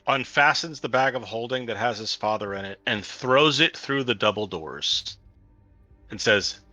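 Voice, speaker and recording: A man's voice: mid-range voice, expressive, normal speed, pushed and bright, no room sound. A man playing a tabletop game, narrating his character's actions in the third person. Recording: dull, band-limited, faint music.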